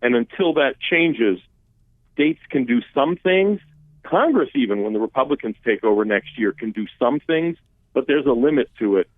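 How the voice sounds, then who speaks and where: This Armenian-speaking man, a policy guest on talk radio, discusses immigration emphatically and conversationally, frequently starting his sentences over. His mid-range voice is animated and moves at a normal pace. He comes through on dry phone-line audio.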